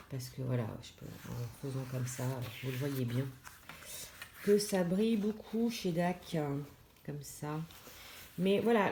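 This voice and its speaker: A woman vlogger chatting casually to camera as she unboxes a diamond painting kit, with many fillers and restarts. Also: sits low. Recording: echoey room, clear background noise.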